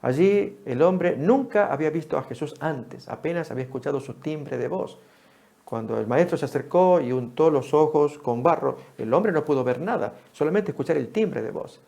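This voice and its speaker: A man preaching a Bible study sermon, speaking to his listeners as friends and jumping up in pitch when he quotes a speaker. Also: vocal fry. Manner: animated, rises sharply for quoted speech, addresses listeners as friends.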